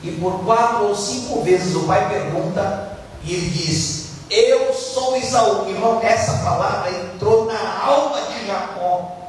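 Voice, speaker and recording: A male pastor preaching a sermon, acting out Bible figures and swinging between loud and hushed delivery. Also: high-pitched, a little slow, slight background noise. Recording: echoey hall, voice from far off.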